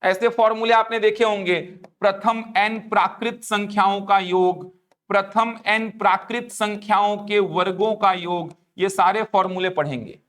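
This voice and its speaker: High-voiced male teacher. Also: fairly even intonation, measured pace, a bit bright. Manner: explanatory, often checks if students follow. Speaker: exam coaching teacher. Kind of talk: classroom lecture walking through a syllabus.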